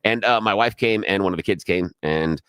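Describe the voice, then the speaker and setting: Animated and projecting, a middle-aged man co-hosting a radio talk show spins stories and mimics the voices of those he quotes. He speaks briskly in a low, clean tone with no room sound.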